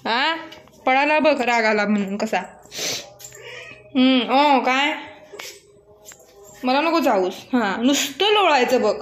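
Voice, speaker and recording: A woman's voice: high voice, animated, takes it slowly, pauses often, faint music behind. A woman talking affectionately to her pet cat at home, teasing and coaxing it. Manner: teasing, coaxing, laughs often. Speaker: pet vlogger.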